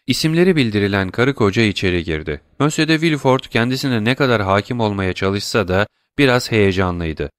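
A man's voice: fairly quick, hardly any pauses, clean tone, no echo, clean studio sound. Man narrating a classic novel. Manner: steady, lower-voiced narrating between dialogue. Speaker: audiobook narrator. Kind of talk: scripted narration.

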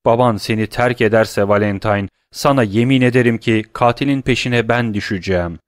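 A man reading the part of a desperate young lover who presses and pleads, his voice lifted a little higher and louder than plain narration. He sounds grieving and urgent, like a storybook hero at his breaking point, recorded dry and close. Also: normal speed, dry recording, natural voice. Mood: impassioned.

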